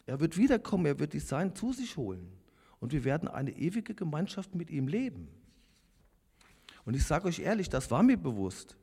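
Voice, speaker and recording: Addressing his congregation directly, a lay preacher in his fifties shares an earnest, confessional testimony at a moderate pace. His voice sits fairly high with huge pitch swings, vocal fry and a dark, slightly rough tone, echoing with long hall reverb.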